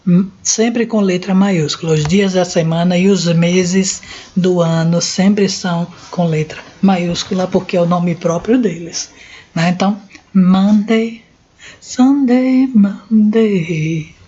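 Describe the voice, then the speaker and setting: A Brazilian woman teaching an English lesson, saying each word slowly and repeating it for learners to copy. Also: lowish voice, fairly even intonation, dark tone, husky. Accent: Brazilian Portuguese. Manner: slow, deliberate, repeats words for learners to echo. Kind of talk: language lesson. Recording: dull lo-fi sound.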